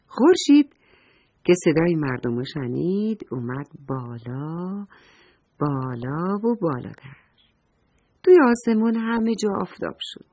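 Husky-voiced woman telling a bedtime story. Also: fairly low pitch. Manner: tender and lively, addresses the children directly. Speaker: storyteller for children.

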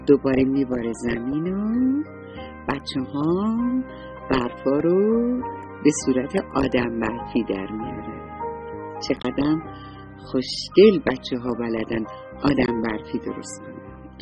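A woman telling a story to small children in a gentle, affectionate way. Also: extremely low pitch, lo-fi sound.

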